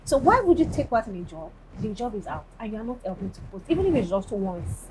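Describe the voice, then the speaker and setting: A woman with a Nigerian accent, a guest actress on a talk show, speaking emphatically and telling her views in a lively way. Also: medium pitch, quick pace, background noise. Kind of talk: casual chat.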